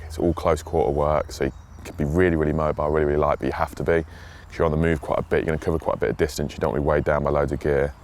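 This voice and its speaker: A man's voice: a bass voice, slight background noise. A young man who grew up in Switzerland, talking casually and enthusiastically as an angler, rambling with restarts. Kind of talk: casual outdoor chat and voice-over.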